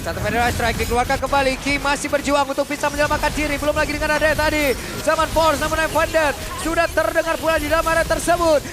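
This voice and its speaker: A man with an Indonesian accent, working as an esports caster, calls a match play-by-play with excited urgency that can break into shouts. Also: extremely high pitch, fast talker, over music.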